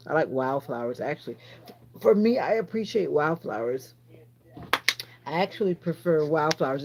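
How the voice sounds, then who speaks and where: This livestream host has a deep, husky voice with a darkish tone. Streaming casually from her phone, she chats with viewers, replies to their comments, and rambles off on asides.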